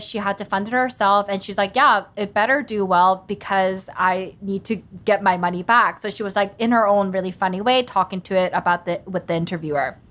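A woman's voice: mid-range voice, a bit bright. A woman co-hosting a podcast in casual chat. She walks through notes she has gathered, easygoing, and swears now and then. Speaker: podcast co-host.

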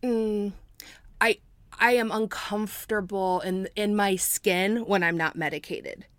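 A woman's voice: mid-range voice, steady tone, takes it slowly, fairly bright tone, no echo. A woman in her forties, a podcast guest talking casually in a chatty, rambling way with side notes. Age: 40s. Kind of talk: casual chat.

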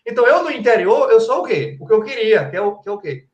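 Sitting high and very animated, his voice moves at a quick pace through lo-fi sound and roomy echo. The Pernambuco-born forensic crime-scene expert, a guest, gives explanatory conversational talk that's didactic and colloquial, with rhetorical questions and lots of "tá?".

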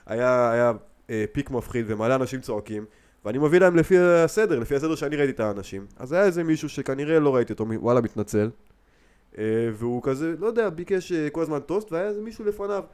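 A man's voice: fairly high pitch, smooth. A young man on a podcast, chatting casually and acting out customers and his own replies as he tells work stories. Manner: animated storyteller acting out customers' lines. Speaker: podcast co-host. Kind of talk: casual chat.

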